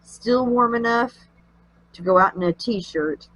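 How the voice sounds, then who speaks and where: A woman's voice: on the high side, takes it slowly, a bit bright, low-quality recording. Nasal, congested woman chatting through a craft tutorial. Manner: chatty, homey, talks while working. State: congested from allergies. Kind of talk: casual craft tutorial narration.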